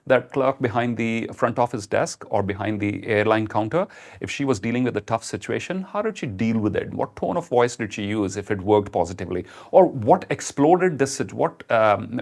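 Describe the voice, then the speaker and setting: A man giving a motivational talk on communication skills to his viewers. He speaks emphatically, repeats his key points and calls his audience his friends. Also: lowish voice.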